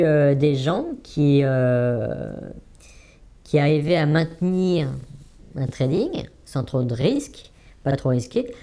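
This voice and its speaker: Man in his 40s, anonymous witness, halting delivery, warm dark tone, repeats himself for emphasis. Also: on the high side. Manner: hesitant, many fillers, repeats words for emphasis. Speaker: anonymous former trading student giving testimony. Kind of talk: interview testimony.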